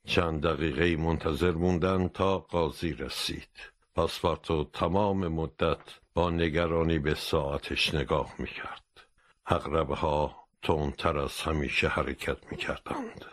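A man narrating an abridged classic novel as an audiobook, in a steady, even storytelling voice. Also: a bass voice, no echo.

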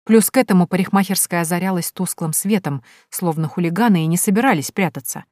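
A woman narrates an audiobook in the first person with a lively, wry delivery. Her voice sits rather low. The sound is dry and close. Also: fast talker, dry recording.

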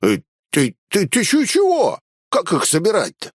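A man's voice: high-pitched, wildly swooping pitch, measured pace, breathy edge, dry recording, studio quality, voice pushed up, exaggerated voice. A man voicing a cowardly, scarred male road bandit who talks in crude slang and stammers. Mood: panicky.

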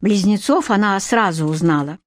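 A woman reading a storybook aloud as narrator, lively and expressive. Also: mid-range voice, normal speed, no room sound. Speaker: audiobook narrator.

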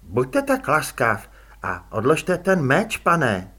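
A man reads as a simple, earnest young constable. He is politely insistent. The delivery is bright and husky, and the pitch is lively. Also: full character voice.

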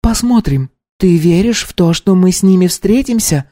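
A man's voice: high voice, moderate pace, voice pushed up. A man reading an audiobook, voicing a bubbly, teasing young woman blogger in a raised voice. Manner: teasing, excitable. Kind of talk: audiobook character voice.

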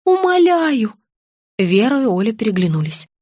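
A woman reads an audiobook with ironic, lively storytelling. Her voice sits fairly high, and the recording is dry and close. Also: normal speed, dry recording. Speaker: narrator. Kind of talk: audiobook narration.

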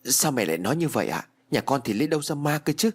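A man's voice: mid-range voice, very animated, quick pace, breathy edge. Man doing an evasive, defensive young husband.

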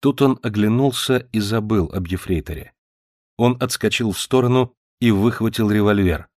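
Male narrator, low voice, measured read, dry close mic. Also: no room sound. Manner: measured, even storytelling. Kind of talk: audiobook narration.

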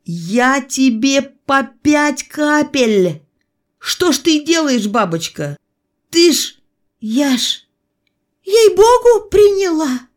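A woman reading an audiobook and voicing a flattering young peasant woman with a high, lilting sing-song voice. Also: extremely slow, full character voice. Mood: protesting.

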